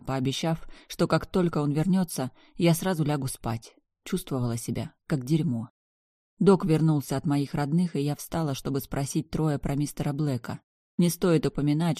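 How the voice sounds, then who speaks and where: A woman's voice: sits low, warm tone, no room sound. Dry-voiced woman narrating a tense story. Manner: tense, intense, rising into anger. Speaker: audiobook reader. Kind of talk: first-person story narration.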